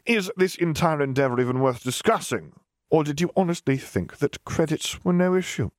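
Male narrator playing a smug, sneering officer, higher and slimy, dry sound. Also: very animated, moderate pace, dry recording. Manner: sneering, condescending, drawn out. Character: oily, smug middle-aged male officer.

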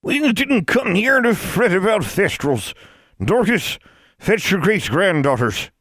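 A man's voice: high voice, big pitch swings, slow, fairly bright tone, dry recording, studio quality, voice pushed up, exaggerated voice. A man doing a stern eldest old witch woman. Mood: scolding. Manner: rural folksy dialect.

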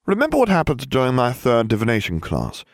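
A man voicing a sarcastic, petulant teenage boy wizard in a storybook reading, in a raised, quick voice. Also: mid-range voice, huge pitch swings, no room sound, studio quality, pitched above the performer's own voice. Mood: pleading. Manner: petulant, self-justifying.

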